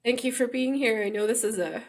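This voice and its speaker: A woman hosting an interview, speaking gently and hesitantly, full of grief. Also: fairly high pitch, brisk. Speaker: podcast host. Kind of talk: reflective conversation.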